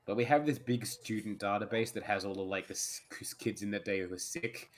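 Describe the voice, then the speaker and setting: A man's voice: on the low side, a little fast. A young Australian man chatting casually on a voice call, telling wry stories with frequent laughs. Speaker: player. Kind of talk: casual chat.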